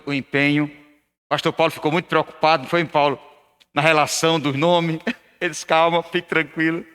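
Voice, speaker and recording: A man's voice: a little high, pushed and bright. Man making church announcements. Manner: chatty, addresses the crowd directly with tag questions. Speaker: meeting organizer. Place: church hall. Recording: long church-hall reverb.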